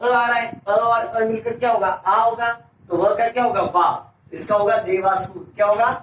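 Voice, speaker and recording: A high-pitched male teacher walks through a grammar lesson, asking a question and then giving the answer himself, repeating it for emphasis. His voice sits back from the mic in an echoey room, with a faint hiss underneath. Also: fairly even intonation, normal speed, fairly bright tone, recorded from a distance. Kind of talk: classroom-style grammar lesson.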